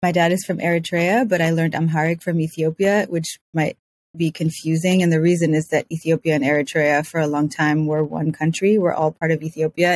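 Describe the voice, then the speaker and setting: A woman's voice: low voice, darkish tone, dry recording, studio quality. A woman from Switzerland chatting as a podcast guest, full of fillers and restarts. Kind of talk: casual interview talk.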